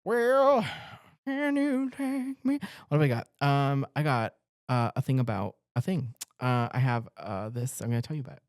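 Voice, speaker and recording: A man's voice: medium pitch, a little fast, no echo, studio quality. A young man reporting farm news in a casual, jokey rundown, stumbling over place names now and then.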